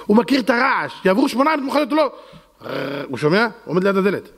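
High-voiced fervent rabbi preaching. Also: male voice, big pitch swings, fairly bright tone, big-room sound. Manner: fervent, dramatic, acts out voices in quotes. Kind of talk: sermon.

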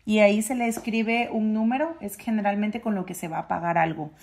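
A woman's voice: medium pitch, steady tone, vocal fry, darkish tone. Woman sounding out letters for kids. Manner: sing-song, drawn-out letter sounds. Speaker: children's book reader. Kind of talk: reading a phonics book to a child.

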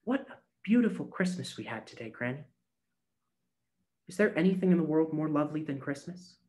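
A man voicing a sweet, hopeful little peasant girl in a storybook, with a high, breathless, childlike manner. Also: lively intonation, fast. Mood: hushed.

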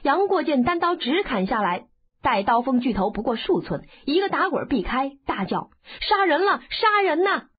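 A woman narrating a martial arts novel as an audiobook, in an expressive, dramatic storytelling manner. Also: high-pitched, normal speed, husky. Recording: phone-like narrow band.

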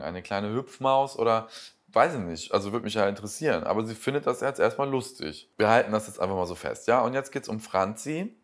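A man giving casual reaction commentary, sarcastic and exasperated, rambling as he picks apart what he watches. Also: fairly low pitch.

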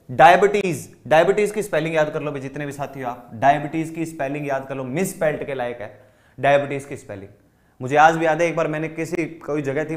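A man with an Indian accent teaching an online exam-prep English lesson in Hindi, drilling word lists and checking that students follow. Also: fairly high pitch.

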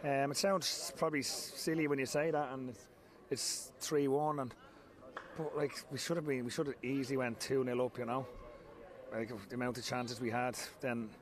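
A man in his forties with an Irish accent, a football manager speaking frankly after a match, restarting his sentences often, into a handheld mic outdoors on a pitch at night. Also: steady tone, normal speed. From Ireland. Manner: frank, repeats himself, many restarts. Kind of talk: post-match interview. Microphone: handheld mic held close.

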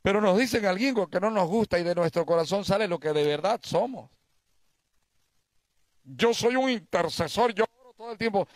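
A man's voice: sits high, no echo. A male pastor preaching a sermon, asking the congregation questions and telling them stories.

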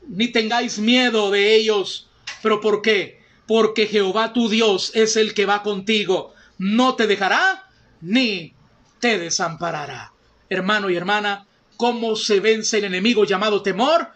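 Male pastor, very high voice, fervent sermon delivery addressing the congregation directly. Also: sharp tone. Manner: fervent preaching, addresses listeners as brothers and sisters.

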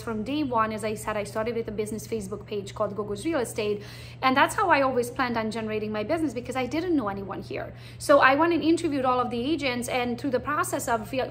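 Recruiting for real estate, a Hungarian-accented woman in her forties, born in Transylvania, Romania, tells lively, outspoken, chatty stories about her own realtor career. Her voice is a little high, and there's a little hiss or hum.

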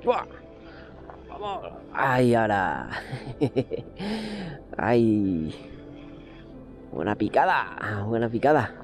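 A man's voice: mid-range voice, very animated, very slow, pauses often, soft background music. A man in his forties hosting a fishing vlog, talking eagerly and exclaiming often, recorded outdoors by a lake on an action camera. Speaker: fishing channel host. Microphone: action camera, close framing.

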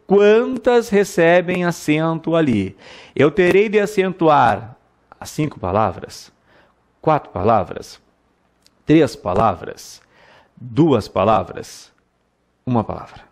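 A man's voice: on the high side, animated, slow pace, long pauses. A man teaching an online exam-prep grammar lesson, drilling examples and coaxing viewers to answer aloud. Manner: repeats words and drills examples. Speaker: Portuguese teacher.

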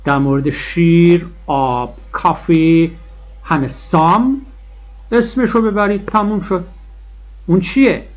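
A man teaching a grammar lesson, his voice sitting a touch high and coming through husky. He stresses and repeats every key point and draws example words out slowly. The recording is dull and lo-fi. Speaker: English teacher. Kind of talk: classroom-style grammar lesson.

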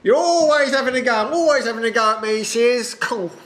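Woman playing high-voiced catty ugly stepsister. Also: fairly quick, lightly acted. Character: vain, catty, gossipy panto ugly stepsister. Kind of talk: comic pantomime mock interview.

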